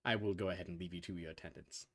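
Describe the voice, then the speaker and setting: A man's voice: sits low, steady tone, rapid-fire. A young man running a tabletop game as game master, narrating loosely with fillers and chuckles.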